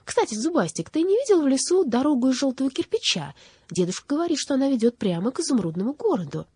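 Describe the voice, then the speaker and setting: An eager, brave little village girl chattering in a raised, lively voice, as a woman reading a storybook puts her on. The tone stays warm and slightly husky under the lift. It is recorded close and dry. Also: sits high, fast talker, no echo, pitched above the performer's own voice, full character voice. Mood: cheerful. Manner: bright, eager, lifted girlish delivery.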